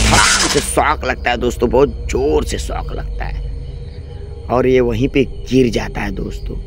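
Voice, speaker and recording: Guy telling a ghost story like he's chatting w his friends, mid pitch, easygoing, keeps talking right to the audience. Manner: conversational, repeatedly addresses listeners as friends. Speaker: horror storyteller. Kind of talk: casual spoken horror narration.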